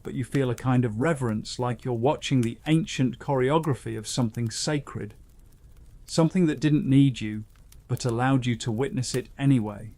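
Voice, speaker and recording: A man gently narrating a scripted bedtime science story, guiding the listener in a soothing second-person voice. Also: medium pitch, normal speed.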